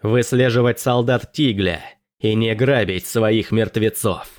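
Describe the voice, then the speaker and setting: A man's voice: lowish voice, unhurried, natural voice. A man doing a curt, growling woman sergeant. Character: harsh, blunt female army sergeant.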